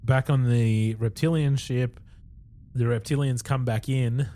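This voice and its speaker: An Australian man co-hosting a podcast, walking through an episode's plot in a loose, chatty way. His voice sits at an ordinary mid pitch, and he peppers the retelling with fillers and chuckles. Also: fairly even intonation, a little slow, dark tone. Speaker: podcast co-host. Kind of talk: casual episode recap.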